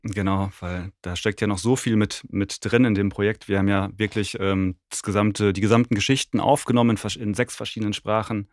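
A man co-hosting a podcast, chatting casually and quickly with fillers. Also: fairly low pitch, fairly even intonation, dry recording. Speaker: podcast co-host.

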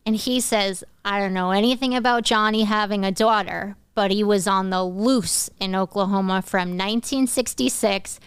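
A woman in her thirties, a podcast guest, telling a personal story in a lively, quick way. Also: mid-range voice, clear, resonant tone, no echo. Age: 30s. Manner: animated, quick-talking, breaks into laughs. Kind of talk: casual storytelling.

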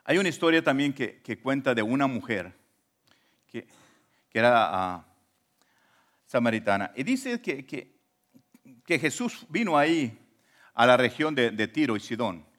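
A man, preaching a sermon in a church, dropping to soft low asides and then rising to emphatic lines. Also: big pitch swings, a little slow, pauses often. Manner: retells scripture with acted quotations. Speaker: pastor.

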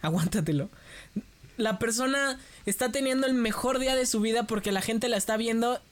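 A man's voice: very high-pitched, brisk. A young man co-hosting a casual chat, telling stories with lots of energy and acting out the voices of the people he quotes. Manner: lively storytelling, acts out quoted voices.

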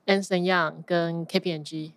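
A woman's voice: on the low side, fairly even intonation, normal speed, no room sound. A woman with a Taiwanese Mandarin accent talks casually as an interview guest, dropping English words into her sentences. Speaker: podcast guest, accountant.

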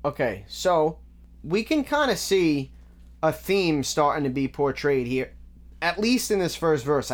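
A man giving a casual, methodical breakdown of rap lyrics, with frequent ums and restarts. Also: a little high. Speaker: music reaction host.

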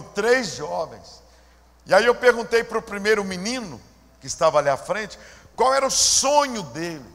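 A man preaching a sermon as a pastor, telling a story, dropping to a hush and then rising to loud emphasis. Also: high-pitched. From Brazil. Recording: long hall reverb.

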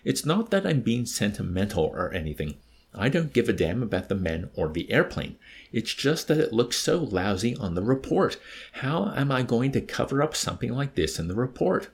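A man's voice: mid-range voice, very animated, moderate pace, gravelly, husky, pitched above the performer's own voice, full character voice. A man reading aloud and voicing a flustered, anxious male air force colonel who frets and snaps. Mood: exasperated.

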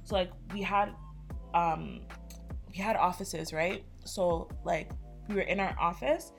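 A Canadian woman in her twenties speaks in a lowish, gravelly voice at an unhurried pace, with soft music in the background. Hosting a casual chat, she tells animated stories packed with fillers.

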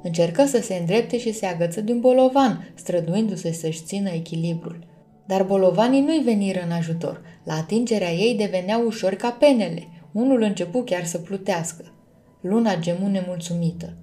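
A woman narrating a children's storybook in a calm, gentle reading style. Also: medium pitch, faint music behind. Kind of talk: scripted audiobook narration.

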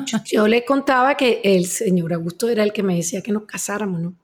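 A woman's voice: mid-range voice, moderate pace. A Colombian woman in her sixties, a guest telling a wedding story in casual chat, acting out the people she quotes. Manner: animated anecdote teller, acts out quoted voices.

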